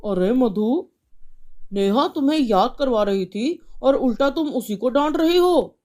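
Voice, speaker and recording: A woman voicing a stern, angry father who scolds loudly. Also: high voice, normal speed, voice pushed up, close to an everyday voice. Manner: loud, stern.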